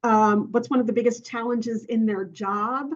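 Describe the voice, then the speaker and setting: A woman consultant speaking on an online panel. Her voice sits fairly high and comes through muffled, lo-fi call audio. She talks conversationally, thinking aloud with plenty of fillers. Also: steady tone, moderate pace. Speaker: consultant and coach. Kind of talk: webinar panel answer.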